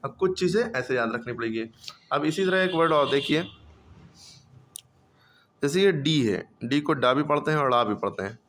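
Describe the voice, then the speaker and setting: A man's voice: on the high side, animated, normal speed, fairly bright tone, a little hiss or hum. A man teaching English reading in a patient classroom lesson, drilling students with repeated questions.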